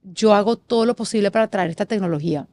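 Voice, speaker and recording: A middle-aged woman from Panama, a guest in an interview, telling a personal story with expressive, animated delivery and quick lists. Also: medium pitch. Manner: expressive, animated, lists things in rapid series.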